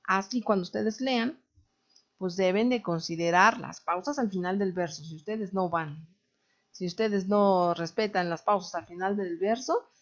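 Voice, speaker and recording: A woman teacher with a Mexican Spanish accent explains verse and rhyme step by step, often pausing to check that her students follow. Her voice sits at a middle pitch. The recording sounds a little dull and lo-fi. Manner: patient, explanatory, often asks "¿no?". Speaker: literature teacher. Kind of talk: recorded online class.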